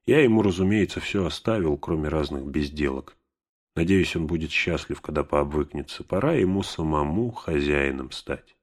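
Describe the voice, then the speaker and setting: A man voicing a fussy old male hobbit who turns shrill and possessive, his voice cracking in outbursts, in a storybook reading. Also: expressive, normal speed. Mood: fond, wistful. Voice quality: shrill, cracking voice when angry. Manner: outbursts turning possessive and obsessive.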